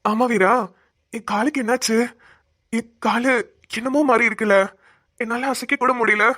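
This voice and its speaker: A woman voicing an injured village husband lying in a hospital bed in a Tamil cartoon, speaking gently and affectionately. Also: a little high, fairly even intonation, normal speed. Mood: tender.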